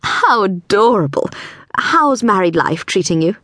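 A woman's voice: mid-range voice, big pitch swings, a bit bright, no echo, studio quality, voice pushed up. A woman doing a gushing, flamboyant PR agent. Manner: effusive, theatrical, drawn-out delivery. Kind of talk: audiobook character voice.

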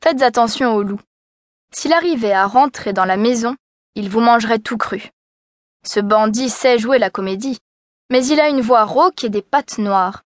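A gentle, protective old mother goat, as a woman reads her in a storybook, speaking in a soft warning tone with a fairly high voice. The sound is dry and close. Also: normal speed, dry recording, close to an everyday voice. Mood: caring. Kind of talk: storybook reading.

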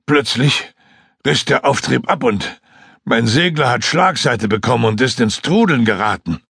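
A man's voice: medium pitch, animated, measured pace, vocal fry, husky, no echo, clean studio sound, voice pushed up, heavily acted. A man voicing a stubborn, reckless male glider pilot who is out of breath and frantically insistent. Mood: breathless. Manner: frantic, insistent, shouting while swimming.

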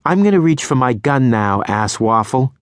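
A male narrator voicing a young woman police officer who speaks bluntly and deadpan. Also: mid-range voice, normal speed, no room sound, clean studio sound, pitched above the performer's own voice, lightly acted. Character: sharp, unimpressed young woman cop. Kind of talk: audiobook character voice.

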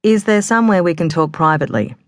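A woman's voice: lowish voice, fast, no room sound, studio quality, pitched above the performer's own voice, lightly acted. Woman voicing a firm, polite female detective. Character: poised professional female police detective.

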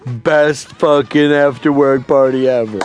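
A man's voice: mid-range voice, steady tone, a little slow, soft background music. A man hosting a talk radio show, trading sarcastic, profane jabs with his co-hosts in the studio. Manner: teasing, sarcastic, swears freely.

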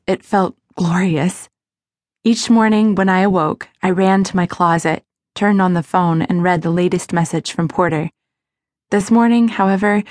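A woman reading a first-person novel aloud as an audiobook narrator, in a measured, expressive way. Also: on the low side, no room sound, clean studio sound.

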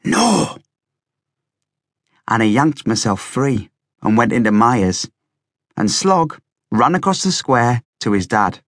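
A man's voice: mid-range voice, animated, unhurried, dry recording, studio quality. Man reading an audiobook. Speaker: audiobook narrator. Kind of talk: scripted audiobook narration.

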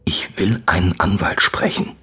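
A man's voice: sits low, unhurried, sharp tone, slightly rough, heavily acted. A man playing a weary, defiant suspect under interrogation.

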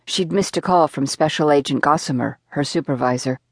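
A woman's voice: sits low, a little fast, breathy edge, no echo, studio quality. Woman narrating a thriller audiobook.

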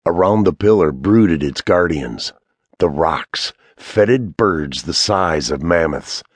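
Male audiobook narrator, very deep and unhurried, husky, dry close studio sound. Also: dry recording. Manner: measured, even storytelling. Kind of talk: scripted fantasy audiobook narration.

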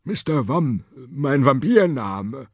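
A man voicing a weary, old-fashioned male vampire who speaks slowly and formally with a breathy tone in a storybook. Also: medium pitch, sing-song, no echo, pitched above the performer's own voice, full character voice. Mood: polite weary. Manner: slow, formal and genteel. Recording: dry studio audiobook.

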